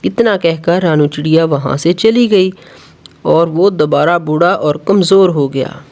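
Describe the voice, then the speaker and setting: A children's storyteller narrating a bedtime animal tale. The delivery is steady and expressive, at an ordinary pitch. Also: measured pace.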